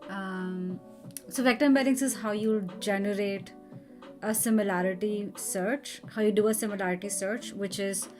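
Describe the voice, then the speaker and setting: A woman's voice: medium pitch, fairly even intonation, normal speed, a little mellow, faint music behind. A woman live-streaming a coding session, thinking aloud and chatting with viewers as she works.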